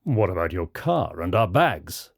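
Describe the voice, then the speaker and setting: A man voicing a blunt, wry young man with a British accent, speaking low and muttered. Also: sing-song, unhurried, creaky, dry recording, clean studio sound, heavily acted.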